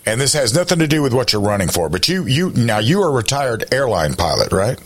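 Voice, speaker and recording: A man's voice: mid-range voice, very animated, brisk, slightly rough. A man hosting a talk radio show, asking questions in a conversational interview style.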